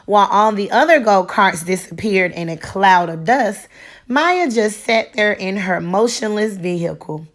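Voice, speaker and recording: In a medium-pitched voice, a woman reads aloud from a children's picture book. She tells the story with deliberate expression, like a teacher addressing a classroom.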